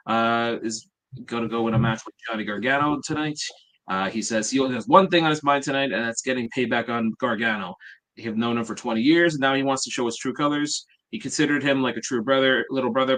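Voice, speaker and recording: A man's voice: medium pitch, a bit bright. A man hosting a podcast, recapping events in a rambling, casual way full of "uh"s. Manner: rambling, filler-heavy, many "uh"s. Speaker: podcast host.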